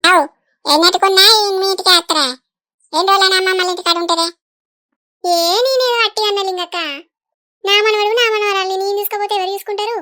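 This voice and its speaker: A cartoon grandmother, played by a woman, fretting over her family. The voice is very high, fast and bright, with a plaintive pull to it. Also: fairly even intonation. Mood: explaining. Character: worried grandmother, soft-spoken village woman. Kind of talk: animated village comedy voice acting.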